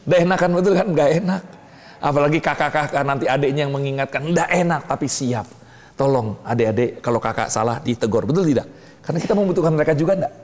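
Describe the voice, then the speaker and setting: A man preaching an animated sermon to a class, constantly asking questions and waiting for the room to answer. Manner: keeps asking the audience "betul tidak?" and pausing for answers; animated, swings between high exclamations and low asides. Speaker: preacher teaching a discipleship class. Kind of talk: lively sermon with call-and-response questions. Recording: long hall reverb.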